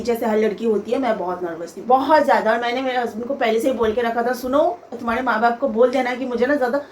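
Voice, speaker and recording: Woman, high pitch, casual storytelling, indignant, faint outside noise. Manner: animated and indignant, quoting others. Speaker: vlogger telling a personal story.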